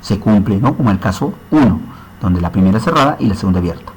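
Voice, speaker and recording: A man's voice: lowish voice, animated, fast, slight background noise, low-quality recording. A man teaching a recorded grammar lesson, explaining step by step and often checking in with short tag questions.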